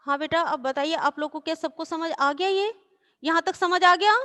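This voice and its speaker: A woman's voice: very high voice, sharp tone. A woman teacher patiently reciting letters and explaining to children in an online class. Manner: slow, patient, drawn-out recitation.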